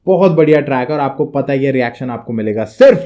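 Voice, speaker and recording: Upbeat male co-host with a mellow voice. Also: medium pitch, lively intonation, fast. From Uttarakhand, India. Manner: enthusiastic, repeats his co-host's words. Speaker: co-host of a hip hop reaction show. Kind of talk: casual reaction chat.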